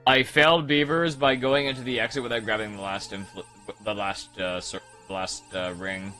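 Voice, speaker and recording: A man chatting loosely as he streams. He rambles and restarts his sentences, and jokes at his own expense. His voice sits fairly low, and clear music plays under him. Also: steady tone, normal speed, sharp tone. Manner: rambling and self-mocking, with many restarts. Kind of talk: casual chat. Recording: background music over the voice.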